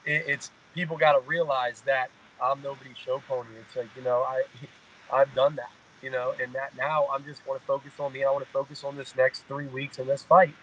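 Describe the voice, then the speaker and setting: A man's voice: medium pitch, level tone, fairly quick, fairly bright tone, lo-fi sound. A man in his mid-thirties, a fighter, talking in a casual interview, rambling and repeating "you know what I mean". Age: 30s. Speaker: guest fighter.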